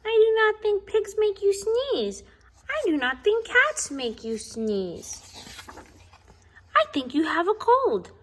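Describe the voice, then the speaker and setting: Woman doing a calm matter-of-fact cat doctor. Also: extremely high pitch, slow, heavily acted. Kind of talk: storybook read-aloud.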